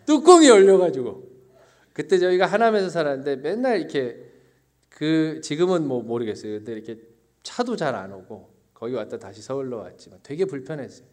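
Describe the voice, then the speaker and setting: Korean man preaching a personal sermon. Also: a little high. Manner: lively storytelling that turns slow and reflective; self-mocking, laughs at his own story. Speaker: pastor.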